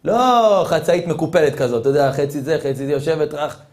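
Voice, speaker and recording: A man, a rabbi, giving a Torah sermon full of rhetorical questions, swinging between hushed and loud. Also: a little high, expressive, roomy sound.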